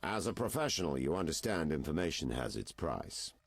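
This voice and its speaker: An actor playing a world-weary private detective in a video game, with a theatrical, insinuating noir delivery. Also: male voice, a bass voice, big pitch swings, brisk, soft background music, heavily acted. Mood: guarded, knowing. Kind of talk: video game dialogue acting.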